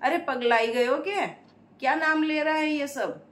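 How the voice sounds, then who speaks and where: A woman voicing a goddess disguised as a village woman, scolding loudly in a rustic way. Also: high-pitched, a little slow, voice pushed up. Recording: roomy echo, faint noise.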